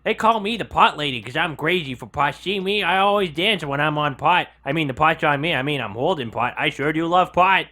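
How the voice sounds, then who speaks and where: A man's voice: on the high side, lively intonation, fairly quick, few pauses, sharp tone. A man jokingly voicing a goofy dancing pot lady in his own mock-sincere voice.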